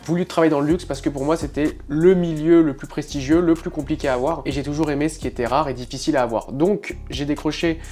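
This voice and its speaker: Young man, podcast host, fitness coach, rapid speech, emphatic, filler-heavy, faint music behind. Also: fairly high pitch, steady tone, warm tone. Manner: quick, emphatic, many filler "euh"s. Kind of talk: casual podcast chat.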